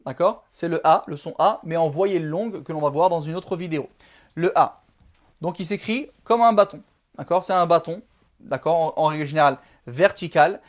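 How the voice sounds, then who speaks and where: A teacher giving a video lesson, speaking patiently, drilling syllables one by one and checking in with the viewer often. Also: medium pitch. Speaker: Arabic alphabet teacher.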